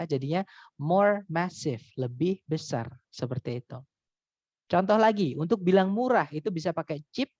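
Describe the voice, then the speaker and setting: A man's voice: fairly high pitch, darkish tone, no room sound. A man teaching English grammar in a recorded online lesson, explaining patiently and repeating his points. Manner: patient, repeats points and says "teman-teman" often. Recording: dry, slightly dull recording.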